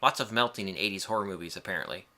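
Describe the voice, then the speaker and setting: A man's voice: sits low, very fast, bright, forceful tone. A man reading a scripted film review in a casual way, with wry, joking asides.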